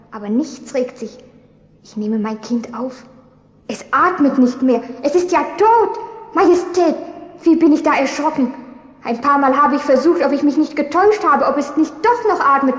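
A woman's voice: sits high, normal speed, natural voice. Desperate young mother, a woman acting. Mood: pleading. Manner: pleading, emotional. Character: young mother fighting for her baby. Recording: reverberant hall echo.

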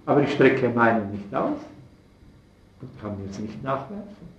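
A middle-aged man preaching a sermon, swinging from low, quiet asides to loud, high exclamations. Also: very animated, measured pace, dull audio, a little hiss or hum. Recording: echoey room.

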